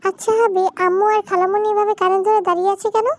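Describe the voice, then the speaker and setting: A woman's voice: very high-pitched, little pitch movement, quick pace, voice pushed up. A woman voicing a naive, chatty little girl bride in a storybook drama, asking question after question in a whiny tone.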